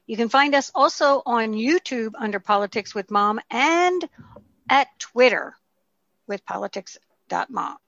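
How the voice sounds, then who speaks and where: A middle-aged woman with a fairly high voice chats about politics, filling her pauses with "um" and "you know." Her audio sounds a little dull and muffled, but dry and close. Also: lively intonation, creaky, fairly bright tone, dry recording. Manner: chatty, frequent fillers. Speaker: podcast co-host. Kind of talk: casual political chat.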